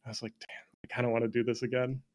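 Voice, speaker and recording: A streamer and former speedrunner rattles off casual stories as an interview guest, his medium-pitched voice darkish in tone with little pitch movement. He speaks informally and self-deprecatingly, sprinkling in "like" throughout.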